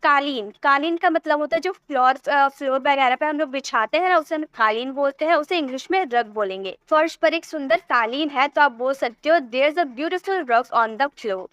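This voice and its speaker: Indian woman, English teacher, high voice, dry close sound, slow careful repetition. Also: fairly bright tone, no echo. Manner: repeats each word slowly, drawn-out English examples. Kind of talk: vocabulary lesson.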